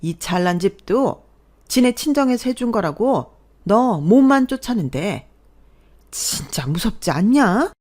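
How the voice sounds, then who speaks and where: A domineering middle-aged mother-in-law, voiced by a woman, hurls loud accusations in this radio play. Her voice leaps around in pitch and keeps rising to a shrill edge. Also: animated, moderate pace, natural voice. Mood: furious. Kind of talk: Korean radio drama acting.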